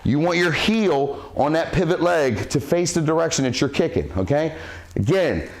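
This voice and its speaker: A man leads a martial arts cardio workout with instructional talk, slightly out of breath from exercising as he demonstrates kicks and lets out sharp "huss" breaths on each strike. His voice sits on the high side and sounds animated at a normal speed.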